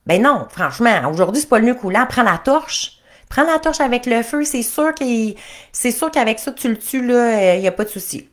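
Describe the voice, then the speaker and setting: A woman voicing a bossy young princess who shouts orders in a shrill, insistent, scolding way. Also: sing-song, moderate pace, pauses often, natural voice. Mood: exasperated bossy.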